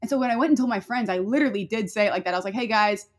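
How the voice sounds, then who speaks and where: A woman's voice: medium pitch, rapid-fire, a little mellow. A young adult woman telling a personal story in casual chat, rambling with many fillers and breaking off into laughter.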